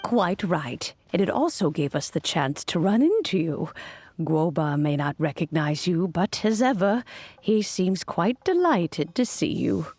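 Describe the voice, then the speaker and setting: A woman's voice: lowish voice, big pitch swings, a little slow, darkish tone, full character voice. A woman voicing a gracious, wistful old lady in a video game, with genteel, old-fashioned phrasing. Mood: gracious, pleased. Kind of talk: English video game voice acting.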